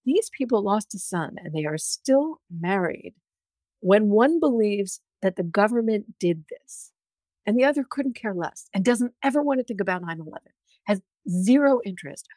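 A woman's voice: medium pitch, expressive, normal speed, a little mellow, no echo. A woman guest in a podcast interview, telling stories animatedly with frequent restarts. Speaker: guest, journalist. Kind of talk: conversational interview.

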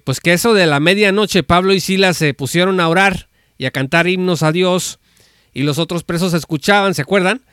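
A man's voice: high voice, a bit bright, smooth, dry recording, studio quality. A man teaching on salvation in a conversational preaching style, retelling Scripture with fillers and restarts. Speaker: Bible teacher. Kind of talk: informal teaching talk on an audio space.

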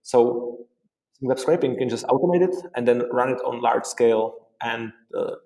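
A man's voice: mid-range voice, moderate pace, vocal fry, mellow. A man in his forties from the Czech Republic with a Czech accent, a podcast guest explaining his work patiently, with many "uh"s and "you know"s. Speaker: guest, software company co-founder. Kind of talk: interview answers. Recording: roomy echo.

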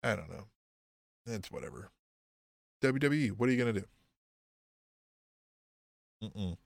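Low-voiced cursing podcast host. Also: male voice, animated, a little slow, creaky, dry recording, studio quality. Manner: profane, rambling, sardonic. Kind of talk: casual chat.

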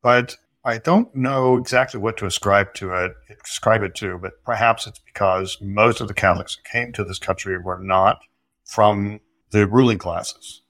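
A man with a somewhat low voice talks through history for a podcast interview. He explains carefully, pausing and restarting, with flashes of dry humor. The sound is close and dry, with no room around it. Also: a bit bright, no room sound. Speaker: guest historian. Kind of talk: conversational interview answers.

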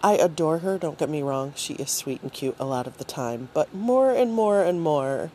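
An older woman from the United States leaving a gushing, animated voice message as a listener. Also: sits low, normal speed, a little hiss or hum. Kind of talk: recorded voice message.

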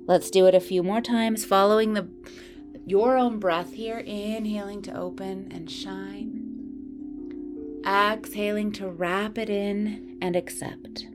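A woman yoga instructor gently guiding breathing and movement in a calm, soothing voice. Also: mid-range voice, takes it slowly. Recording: clear music playing behind the voice. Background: soft instrumental music.

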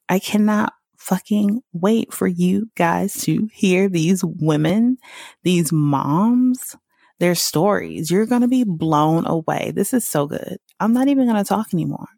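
A woman's voice: fairly low pitch, slow, vocal fry, dark tone, no echo, studio quality. A woman, hosting her own podcast in a candid, chatty way, laughing often and talking loosely. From Southern United States. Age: 30s. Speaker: podcast host. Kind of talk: casual podcast monologue.

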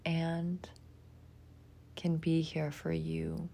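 Low-pitched and monotone, a woman's soft, breathy voice leads a guided imagery meditation. She offers brief, gentle, soothing phrases and lets long silences fall between them.

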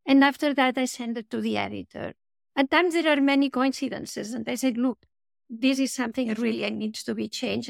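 A children's book author from Spain, a guest on a podcast interview, talks hesitantly, restarting often and letting out light laughs. Her voice is fairly high and gravelly, with no room sound.

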